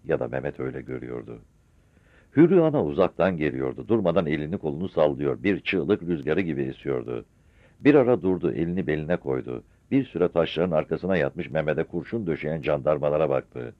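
A deep-voiced man narrates a dramatic story with a lively, rising and falling delivery. The recording is dull and dry, like an old radio broadcast. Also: a little fast, no room sound. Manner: expressive, storytelling.

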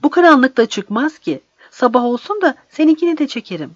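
A woman voicing a calm, plainspoken grown man, a traveler in a story. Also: high voice, brisk, no echo, voice pushed up. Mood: plain. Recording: dry, slightly dull recording.

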